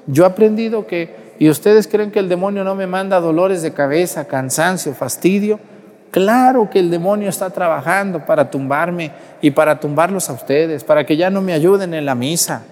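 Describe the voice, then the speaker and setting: A man's voice: high-pitched, darkish tone. A Mexican priest preaching a sermon, scolding and mocking as he acts out little scenes for his parish. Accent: Mexican Spanish. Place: church. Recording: echoey church with long reverb.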